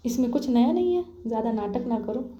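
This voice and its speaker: A bossy, hot-tempered college girl scolds and gives orders in an imperious tone, as a woman storyteller puts her on. Her voice sits a bit high but stays mellow and dark. The recording is roomy and muffled. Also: animated, brisk, a little hiss or hum, natural voice.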